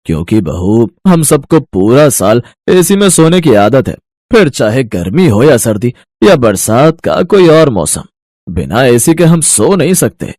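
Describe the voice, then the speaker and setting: A man's voice: mid-range voice, big pitch swings, a little slow, a little mellow, no room sound, clean studio sound. A man playing a husband and in-law who brushes off complaints in a matter-of-fact way, in a comic short. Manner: offhand, dismissive. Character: grown son and in-law family man.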